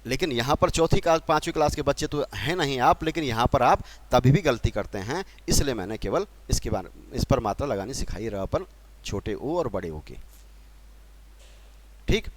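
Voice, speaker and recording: A man's voice: mid-range voice, animated, normal speed. A man from Uttarakhand teaching a spelling lesson at a board in a patient manner, repeating key points and putting questions to the class. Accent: Uttarakhand Hindi.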